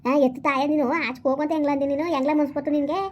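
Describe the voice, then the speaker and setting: An actor playing a furious old village mother, high shrill voice, cursing at breakneck speed, dull lo-fi sound. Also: flat delivery, close to an everyday voice. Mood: bitter, scolding. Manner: rapid shrill cursing tirade. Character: fiery old village mother scolding her grown son. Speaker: mother in a village comedy skit. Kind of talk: rural comedy skit acting. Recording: dull lo-fi recording.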